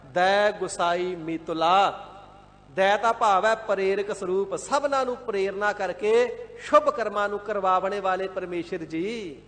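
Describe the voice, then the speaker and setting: High-voiced man expounding scripture in a hall. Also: fairly bright tone. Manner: devout, measured, repeats and glosses words, sometimes chants verses. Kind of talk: line-by-line scripture exposition sermon. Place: large gurdwara hall.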